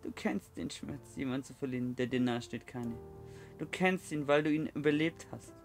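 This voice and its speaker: A man voicing a small but fierce old grandmother who scolds gruffly and talks with stern earnestness. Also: fairly high pitch, expressive, brisk, a bit bright, faint music behind.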